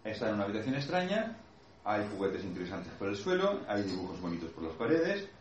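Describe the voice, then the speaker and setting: A man's voice: lowish voice, big pitch swings, brisk. A man giving a classroom lecture, explaining patiently with playful acted asides to his audience. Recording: echoey room, mic far off, faint noise.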